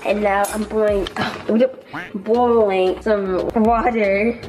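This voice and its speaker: A woman's voice: mid-range voice, steady tone, extremely slow. A young woman vlogging as she cooks in a large home kitchen, explaining each step in a chatty way. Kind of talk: casual cooking vlog. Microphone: handheld camera, at times set down further away. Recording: echoey kitchen with music behind.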